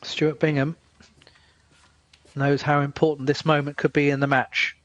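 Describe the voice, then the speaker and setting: A man giving live snooker commentary as a commentator, in measured short phrases with pauses. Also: fairly high pitch, little pitch movement, dull audio.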